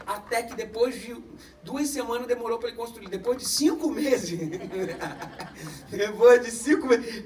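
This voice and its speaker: A Brazilian man preaching a sermon with a Rio accent, swinging between loud emphatic lines and low quiet asides. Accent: Brazilian Portuguese, Rio de Janeiro. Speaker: pastor. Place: church service held in a cinema hall. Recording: echoey hall, voice from a distance.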